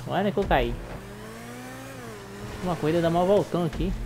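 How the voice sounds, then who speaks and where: A man's voice: on the high side, normal speed, music in the background. A Brazilian man with a tongue-tied, slushy lisp giving informal, slangy commentary as host of a gameplay video. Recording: clear car and game noise behind. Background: car engine sounds from racing game.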